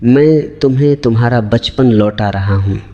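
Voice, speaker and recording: A man giving a slow, calm spiritual discourse as a teacher, with short repeated phrases. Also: medium pitch, highs cut off.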